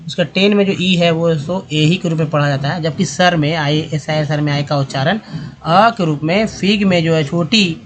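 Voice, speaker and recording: Teaching English reading, a man with a slightly higher voice slowly pronounces each word aloud and then repeats it. It's a language lesson focused on pronunciation.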